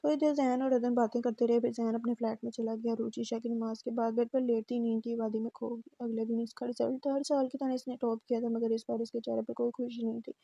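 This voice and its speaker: A woman narrating a romance novel in a steady, even reading voice. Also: fairly high pitch, fast talker, creaky, few pauses, no room sound. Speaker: audiobook narrator. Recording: dull muffled recording.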